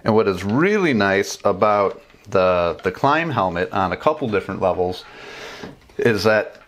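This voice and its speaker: This motorcycle travel vlogger, a man in his thirties, has a voice on the low side with a slightly bright quality. He chats casually while showing a gear install at his home desk, surrounded by bookshelves in a small room, using fillers and restarting sentences.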